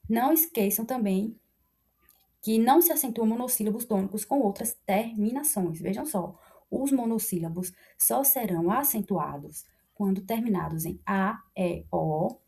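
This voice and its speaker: A woman's voice: mid-range voice, expressive, vocal fry, dark tone. A woman teaching a grammar lesson, explaining step by step and often checking in with her students. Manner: explains slowly with many checks like "né?" and pointing "ó". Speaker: Portuguese language teacher.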